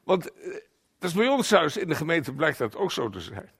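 A middle-aged man preaching a sermon, moving between loud declaiming and quiet, slow emphasis. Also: fairly high pitch, big pitch swings, breathy edge. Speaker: guest preacher.

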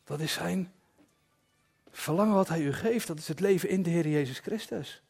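A man preaching a sermon in a personal, confessional way, dropping to soft asides at times. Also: on the high side, normal speed, creaky, soft background music.

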